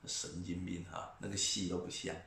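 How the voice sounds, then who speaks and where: A man's voice: low-pitched, flat delivery, normal speed, vocal fry, sharp tone. A middle-aged man ranting in a casual vlog, mocking and scornful, repeating himself and chuckling. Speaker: vlogger commentator. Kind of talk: casual rant to camera. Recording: echoey room.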